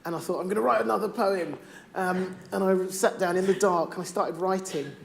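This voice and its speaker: A middle-aged father speaking on stage, performing spoken word poetry with a rhythmic, rhymed delivery that swings from hushed to loud. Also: high-pitched, brisk, creaky, a little hiss or hum.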